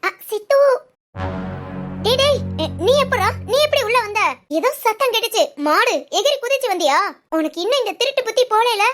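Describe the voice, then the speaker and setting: A woman playing a young wife who is sulking at her husband, scolding him sharply and musing softly to herself in a comic family skit. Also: very high-pitched, animated, quick pace, soft background music. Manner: sharp scolding, then soft musing alone. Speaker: actress in a village family skit. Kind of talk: comic family drama acting.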